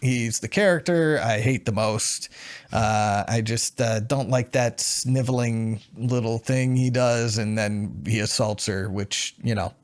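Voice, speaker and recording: Slow, halting man on a podcast. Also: mid-range voice. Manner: halting, frequent uh fillers, chuckling. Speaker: podcast co-host. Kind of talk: casual chat.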